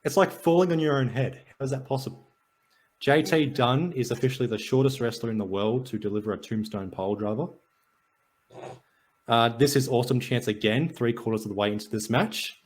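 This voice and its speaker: A male co-host of a casual sports and wrestling podcast talks a little fast at medium pitch, going through stats and match notes with a wry, joking delivery.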